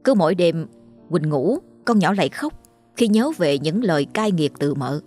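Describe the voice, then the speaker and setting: A woman narrating a ghost story in a slow, mournful storytelling manner. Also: sits low, lively intonation, darkish tone, faint music behind.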